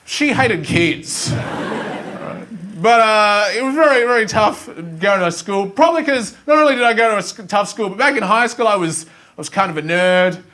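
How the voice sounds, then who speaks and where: Animated Australian man doing stand-up. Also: high-pitched. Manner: animated storytelling, acting out quick voices. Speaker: stand-up comedian. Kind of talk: live stand-up routine. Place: school theatre before a live student audience.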